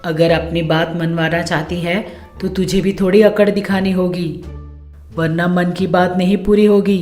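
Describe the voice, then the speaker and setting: Storybook mother-in-law, scheming and bossy, low and loud, put on by a woman narrator. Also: fairly even intonation, normal speed, soft background music, lightly acted. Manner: scolding, coaxing, loud.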